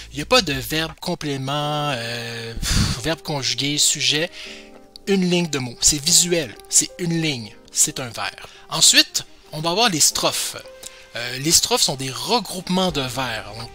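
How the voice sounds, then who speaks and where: Joking teacher. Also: male voice, a little high, bright, forceful tone. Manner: chatty, joking, self-deprecating. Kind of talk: casual explanatory lesson.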